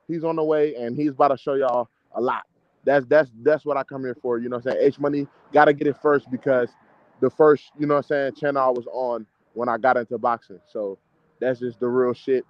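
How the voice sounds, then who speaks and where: In a lo-fi recording with no echo, an amateur boxer in his mid-20s from the DC-Maryland-Virginia area talks casually in an interview. His medium-pitched American voice is brisk, with fairly even intonation. He is slangy, confident and emphatic, repeating his points.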